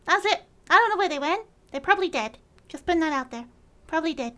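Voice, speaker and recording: A woman's voice: very high voice, lively intonation, quick pace, pushed and bright, exaggerated voice. A woman playing a flustered little cafe owner. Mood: rambling. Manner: nervous, rambling, blunt.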